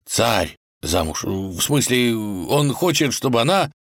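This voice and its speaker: A man's voice: medium pitch, very animated, slow, fairly bright tone, dry recording, voice pushed up, heavily acted. Man doing Grey Wolf, dry and exasperated. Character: grey talking wolf, wry and sensible.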